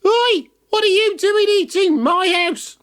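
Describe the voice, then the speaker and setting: Guy doing a cruel old witch voice, high shrill sneer, slow and nasty, storybook. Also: a bit bright, heavily acted. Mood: angry. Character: cackling wicked old witch, cruel and greedy.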